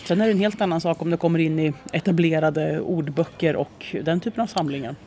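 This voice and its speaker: A woman's voice: sits low, fairly even intonation, mellow, slight background noise. A woman co-hosting a casual chat podcast, chatty, who laughs easily and often trails off mid-thought. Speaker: podcast co-host.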